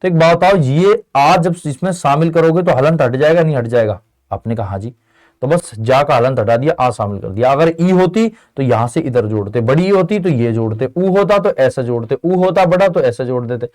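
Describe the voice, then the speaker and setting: A man's voice: medium pitch, expressive, moderate pace, darkish tone. A young man teaching a lesson in a chatty way, often asking students whether they follow. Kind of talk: classroom lesson.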